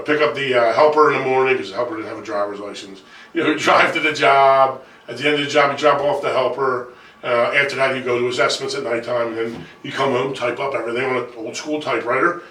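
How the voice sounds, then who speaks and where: A male podcast host who talks fast and tells stories with energy. His voice has a bright, forceful edge. He sits back from the mic in a roomy, echoing space. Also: medium pitch, distant mic. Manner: quick, energetic storyteller. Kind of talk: casual interview chat.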